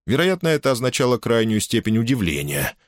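A man giving an expressive, theatrical audiobook reading of a sci-fi story, with sharp pitch rises for the characters' lines. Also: brisk, dry recording, studio quality. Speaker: audiobook narrator.

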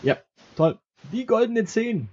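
Speaking slowly in an animated way, this co-host has a high, slightly mellow voice with a breathy edge. He banters casually on the podcast, joking while he works through a list. Background noise and muffled lo-fi quality mark the recording.

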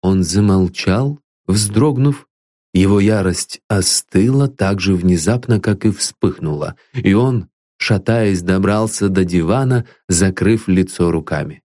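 Male audiobook narrator, slow and measured, dead dry sound. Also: deep voice, a little mellow, no room sound. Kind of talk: literary narration.

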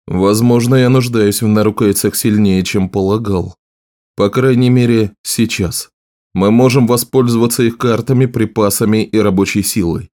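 A cold, proud, ambitious general , as a male narrator plays him, lowish and curt. He gives orders in a clipped, commanding way in a fantasy audiobook. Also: steady tone, normal speed, darkish tone, natural voice. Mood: calculating.

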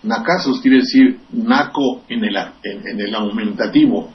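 A man's voice: on the low side, measured pace. An older man from Veracruz with a Mexican accent, giving rambling, sardonic and profane political commentary as a radio host. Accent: Mexican Spanish. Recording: distant, dull lo-fi radio recording with faint hiss.

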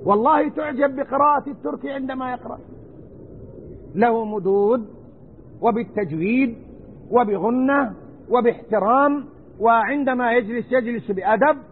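A man's voice: very high voice, normal speed. A man teaching a religious lesson on Quran commentary, speaking earnestly and addressing his listeners directly. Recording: tinny narrow-band recording with faint noise.

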